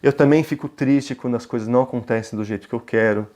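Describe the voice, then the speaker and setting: Calm Brazilian man giving a webinar talk. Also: mid-range voice, quick pace. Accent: Brazilian Portuguese. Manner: calm, reflective, gentle, often ending phrases with a questioning tag. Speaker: parenting educator presenting a webinar.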